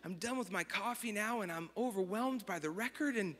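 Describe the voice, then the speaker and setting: A bright, high-voiced man preaching in a big church hall, with a long reverb trailing his words. He tells his story gently, dropping to near-whispers, then rises to fervent exclamations over soft music. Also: fairly quick. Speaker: worship leader. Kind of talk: storytelling sermon. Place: large church auditorium.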